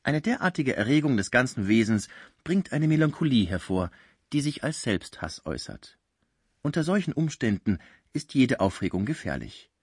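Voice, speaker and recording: A man narrating a classic novel as an audiobook in measured, expressive storytelling. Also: medium pitch, husky, no room sound, studio quality.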